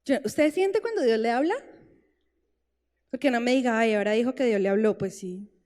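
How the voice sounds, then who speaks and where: A woman preacher giving a heartfelt sermon testimony, slow pauses building to tearful pleading. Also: fairly high pitch, darkish tone. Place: church hall. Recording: long church reverb with faint music.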